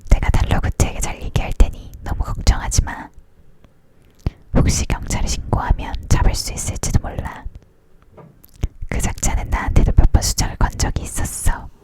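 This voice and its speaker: A storyteller reading a novel aloud in a whispered ASMR style, leaning in to whisper. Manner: leaning in to whisper, hushed narration.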